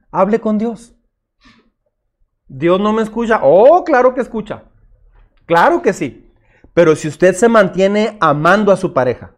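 A middle-aged man, preaching a sermon as pastor in an earnest, direct way. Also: sits high. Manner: earnest, direct, addresses listeners as usted, acts out their objections.

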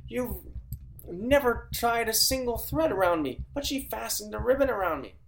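A man voicing a neglected birch tree in a storybook, speaking slowly and plaintively. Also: extremely high pitch, animated, creaky, slight background noise, voice pushed up, heavily acted. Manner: slow, plaintive.

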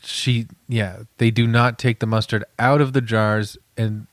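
A man co-hosting a comedy podcast in casual, joking chat, telling things in a rambling, deadpan way. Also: lowish voice, unhurried, dry recording. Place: warehouse used for recording.

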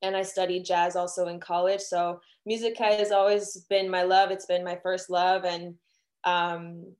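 A young singer-songwriter from Miami, Florida, answers interview questions casually as a guest, her voice low-ish, a little mellow and flat, at a measured pace. She's chatty, restarting often and filling gaps with "um" and "you know."

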